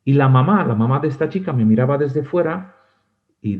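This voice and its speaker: A man's voice: medium pitch, lively intonation, fairly quick, narrow, tinny audio. A man who is a pastor, preaching a sermon in a conversational, storytelling way and laughing often.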